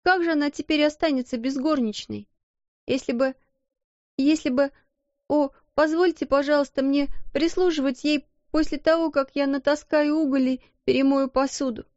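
A timid, tearful young scullery maid pleads in a high, trembling voice, stumbling over her words, as a woman reading a storybook puts her on. The sound is muffled and dry, with no room around it. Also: fairly even intonation, normal speed, a little mellow, no echo, natural voice. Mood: tearful pleading. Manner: pleading, tearful, breathless apologies. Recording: dull, dry lo-fi recording.

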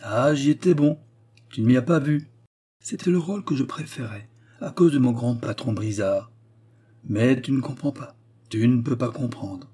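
A man's voice: medium pitch, normal speed, warm tone, slightly rough, close to an everyday voice. A man voicing a dying old tragic actor who speaks with emphatic, pleading fervor. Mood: fervent.

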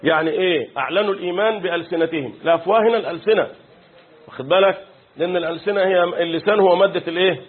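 A man's voice: high-pitched, very fast, breathy edge. A man with an Egyptian Arabic accent teaching a Quran commentary lesson, chanting verses and quizzing students with rhetorical questions. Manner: recites verses in a chanted style. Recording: phone-like lo-fi recording.

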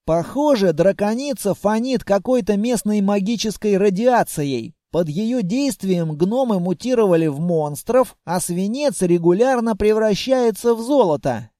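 A man narrating a fantasy audiobook in the first person with lively storytelling. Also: sits high, unhurried, few pauses, dry recording, clean studio sound.

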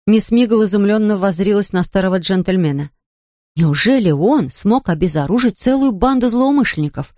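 A woman reading a children's storybook aloud with expressive, lively storytelling. Her voice sits in the middle range and the recording is dry and close. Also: medium pitch, normal speed, no echo. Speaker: narrator. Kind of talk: audiobook narration.

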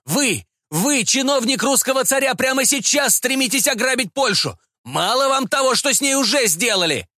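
A man's voice: sits high, big pitch swings, normal speed, hardly any pauses, sharp tone, no echo, clean studio sound, pitched above the performer's own voice, exaggerated voice. A man voicing a hissing, indignant Polish nobleman, a vampire, in an audiobook. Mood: furious.

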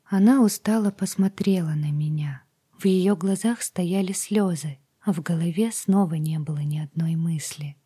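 A woman narrating a first-person audiobook in a hushed, half-whispered voice. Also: on the low side, normal speed, slightly rough.

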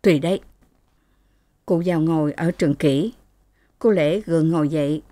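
Woman reading a novel on radio, warm low-key tone, dry studio sound. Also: normal speed, no room sound. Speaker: audiobook narrator. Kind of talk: scripted narration of a novel.

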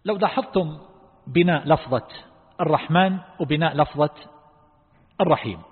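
A man with a husky, slightly raised voice teaches a religious lesson. He explains slowly and deliberately and quizzes his listeners. The sound is thin and phone-like, with a long reverb from the hall. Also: on the high side. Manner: asks the class questions. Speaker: Islamic scholar teaching Quran reflection.

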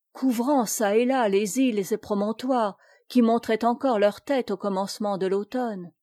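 A woman reads a classic story aloud, unhurried and measured. Her tone is mellow and soft-edged, and she voices the characters' dialogue. The recording is dry and close, with no room sound. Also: medium pitch, no echo. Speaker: audiobook reader. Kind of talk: scripted narration of a classic tale.

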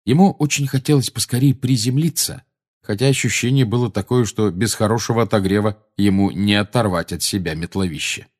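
Low-voiced man reading a story aloud. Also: fairly quick, darkish tone. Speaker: audiobook reader. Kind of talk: scripted narration.

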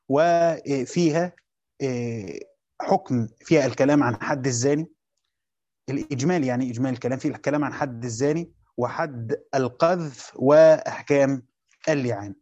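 A man's voice: medium pitch, a little fast, warm tone, muffled recording. A man with an Egyptian Arabic accent teaching a lesson, explaining step by step and repeating his own questions. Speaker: teacher of Quran commentary. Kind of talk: classroom lecture.

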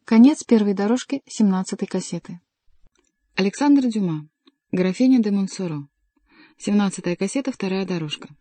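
Audiobook narrator, woman, dark and mellow, dry close sound. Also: mid-range voice, lively intonation, normal speed, dry recording. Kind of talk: scripted narration.

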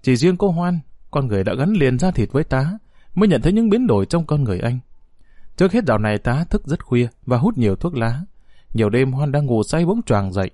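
Lively male audiobook narrator. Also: mid-range voice, brisk, no room sound, studio quality. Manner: expressive storytelling, voices the characters.

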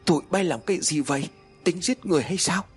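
Picture a proud old exorcist barking orders and scolding, his husky voice swinging up and down with lively emphasis, as a male storyteller puts him on. A commanding, haughty master in a spoken horror story, with soft music somewhere underneath. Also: mid-range voice, brisk. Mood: furious.

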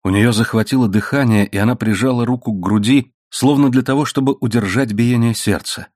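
A man narrating an audiobook of a classic adventure novel in a measured, even storytelling manner. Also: medium pitch, no echo, studio quality. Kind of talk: scripted narration.

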